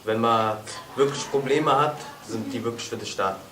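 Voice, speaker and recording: A man's voice: mid-range voice, normal speed. Plain-spoken twenty-year-old man. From Berlin, Germany. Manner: short, plain answers with "äh". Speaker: local youth council member. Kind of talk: casual interview answers. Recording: roomy, distant mic, loud noise.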